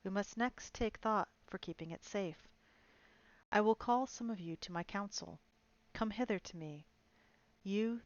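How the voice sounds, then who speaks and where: A woman voicing a wise, solemn male lion king who speaks slowly and gravely. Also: medium pitch, no room sound, muffled recording, close to an everyday voice.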